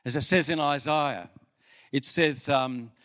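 An older Australian pastor preaching a sermon in a church, with folksy stories and an unhurried manner. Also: male voice, medium pitch. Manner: folksy storytelling, lively with pauses. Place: church hall.

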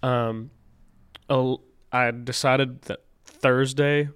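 A man's voice: medium pitch, fairly even intonation, drawn-out words, a bit bright, smooth, dry recording. A man co-hosting a podcast in casual, slangy chat, stuffed up with a cold and unable to breathe through his nose. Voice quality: congested, blocked-nose sound. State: congested from a lingering cold. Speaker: podcast co-host.

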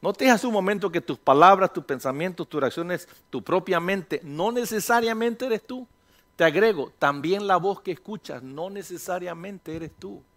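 A middle-aged pastor delivers a sermon in a relaxed, conversational way. His voice sits a little high for a man. He acts out the voices in his head and teases his congregation between points. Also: normal speed.

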